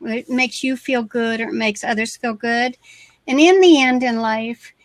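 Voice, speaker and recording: On a casual video call, a woman with crowdfunding and venture capital experience talks hesitantly, filling her speech with fillers. She works as a crowdfunding consultant, her voice is a little high, her pace measured, and the recording dry.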